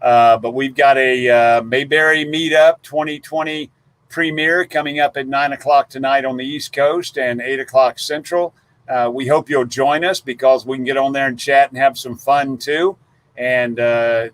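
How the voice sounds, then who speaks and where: A man's voice: mid-range voice, moderate pace, a bit bright, dry recording. Folksy man reading off guesses. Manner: folksy, reads off viewer guesses like an auctioneer. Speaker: livestream co-host. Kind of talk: casual live stream chat.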